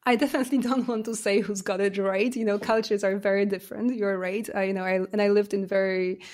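A woman's voice: mid-range voice, fairly even intonation, quick pace, darkish tone. A middle-aged woman from Poland, a science journalist, answering interview questions in a thoughtful, explanatory way with many fillers.

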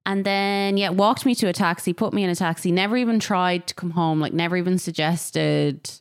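Irish woman, young adult, lowish pitch, casual podcast chat. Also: fairly quick, smooth. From Ireland. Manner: chatty storytelling with many fillers. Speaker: podcast co-host.

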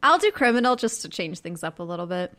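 A woman's voice: on the low side, big pitch swings, fast talker, a bit bright. A woman playing a tabletop game, chatting playfully and often laughing. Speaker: player. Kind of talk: casual tabletop game chat.

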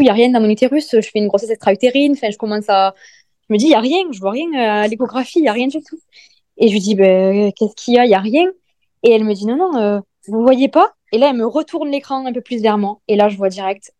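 A woman in her thirties telling her own pregnancy story in casual podcast chat, talking with many fillers and lively retelling. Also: a little high, fast talker, no room sound.

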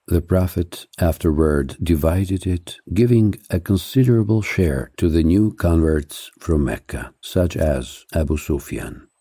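A man reading a scripted history narration in a measured, even way, slowing and stressing each item when he lists things. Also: low voice, slightly rough, no echo, clean studio sound.

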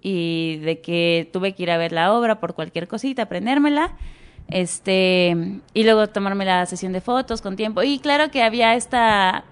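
A young Mexican woman tells stories from her acting career. She speaks in a Mexican Spanish accent with lively energy and acts out the people she quotes in full dialogue. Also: medium pitch, normal speed, clear, resonant tone. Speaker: guest actress. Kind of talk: casual interview storytelling.

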